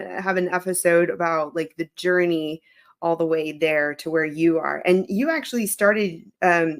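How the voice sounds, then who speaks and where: Hesitant low-voiced woman host. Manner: hesitant, many fillers and restarts, enthusiastic. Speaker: podcast host, immigration attorney. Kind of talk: casual interview.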